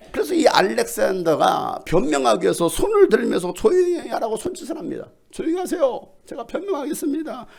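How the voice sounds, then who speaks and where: Male pastor, animated sermon, high voice, gravelly edge. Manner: animated, shouts and jokes with the congregation. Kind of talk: lively sermon. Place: church sanctuary.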